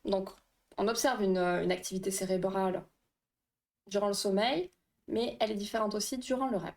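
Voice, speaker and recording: A woman's voice: medium pitch, fairly even intonation, moderate pace, vocal fry. A woman hosting a casual livestream, explaining dream science with a quiz, chatty and laughing often while reading chat aloud. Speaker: livestream host.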